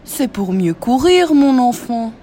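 A woman's voice: a little high, sing-song, slow, mellow, slight background noise. A woman playing a big bad wolf. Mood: menacing. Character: hungry scheming male wolf.

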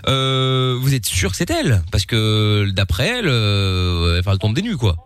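A man's voice: fairly low pitch, big pitch swings, normal speed, soft background music. A man hosting a radio prank call, mock-polite and hesitant, full of fillers.

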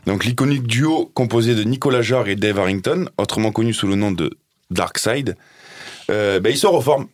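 A man's voice: lowish voice, lively intonation, fairly quick, dry recording, clean studio sound. A man presenting music news on a casual radio show, chatty, with many fillers and restarts.

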